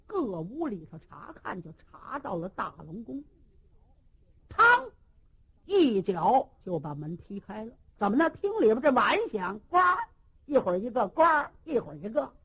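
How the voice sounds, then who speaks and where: A woman's voice: fairly high pitch, fairly bright tone, breathy edge. A woman telling a traditional Chinese story dramatically, with spoken sound effects.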